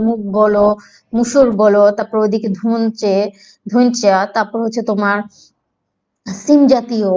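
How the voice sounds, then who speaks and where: A high-pitched woman with a Bangladeshi Bengali accent teaches an online agriculture class. She explains patiently, breaking terms into syllables, heard through a dull, lo-fi recording.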